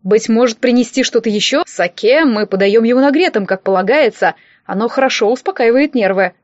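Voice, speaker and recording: A woman's voice: on the high side, brisk, dry recording, lo-fi sound, close to an everyday voice. A woman doing a fussing, polite young waiter. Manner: eager, overly polite.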